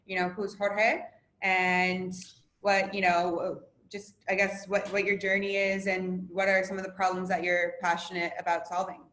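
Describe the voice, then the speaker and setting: A woman's voice: lowish voice, flat delivery, unhurried, a bit bright. A woman hosting an interview, asking questions in a hesitant, hedging way with many fillers. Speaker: host, interviewer. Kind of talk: online Q&A interview. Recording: echoey room with faint noise.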